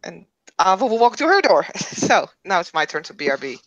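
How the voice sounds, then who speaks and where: A woman casually narrating her character in a tabletop game, halting and giggly. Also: medium pitch, sing-song, a bit bright, dry recording, highs cut off. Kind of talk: casual third-person role-play narration.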